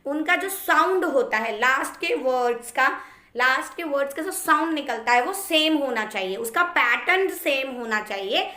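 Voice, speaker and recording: High, bright-voiced woman teaching in an echoey room. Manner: slows down to read poem lines aloud, repeats sounds. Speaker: English teacher. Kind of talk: online lesson explaining step by step.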